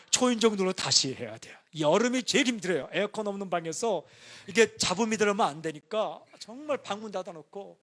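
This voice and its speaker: A middle-aged male pastor preaching in a conversational, storytelling way, now and then breaking into excited exclamations. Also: fairly high pitch. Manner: conversational storytelling, bursts into excited singing and shouting. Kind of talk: sermon.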